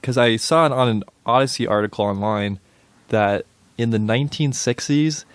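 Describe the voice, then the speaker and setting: A young man co-hosts a podcast in a mid-range voice at normal speed, with no echo. His casual chat is hesitant, full of fillers and restarts, and he laughs easily.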